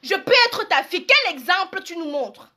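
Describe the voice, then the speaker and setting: Indignant young Cameroonian woman, high bright voice. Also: expressive, moderate pace. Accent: Cameroonian French. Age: 20s. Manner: indignant, scolding, repeats herself. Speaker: blogger. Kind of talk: live video rant.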